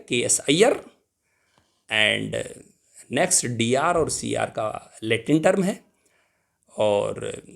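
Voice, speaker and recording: A young adult man giving an exam-prep accounting lecture, lively, asking questions and answering them himself, addressing students fondly. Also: fairly high pitch, creaky. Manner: animated, asks and answers his own questions, calls students "beta". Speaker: accounting teacher.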